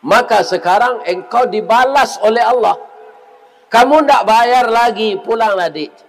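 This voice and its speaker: A preacher voicing a tender devout doctor. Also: male voice, high-pitched, measured pace, long reverb tail, pitched above the performer's own voice. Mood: gentle. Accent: Minangkabau. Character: devout male doctor, once an orphan, tender and grateful.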